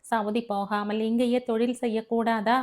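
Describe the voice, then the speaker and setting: A woman's voice: on the high side, flat delivery, moderate pace, lightly acted. Newlywed wife in a storybook reading, clingy and pleading, read by a woman.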